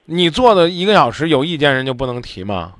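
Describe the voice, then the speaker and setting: A man's voice: on the high side, sing-song, fairly quick, no room sound, clean studio sound. A man hosting a radio call-in advice show, blunt and lecturing as he scolds the caller. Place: radio studio.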